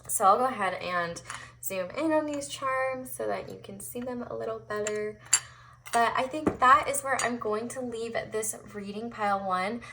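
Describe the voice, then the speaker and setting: A woman's voice: fairly high pitch, normal speed, noisy background. A woman giving a casual, chatty tarot reading to viewers in an encouraging, conversational way. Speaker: tarot reader hosting an online pick-a-card reading. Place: indoors at a tabletop, overhead camera on the cards.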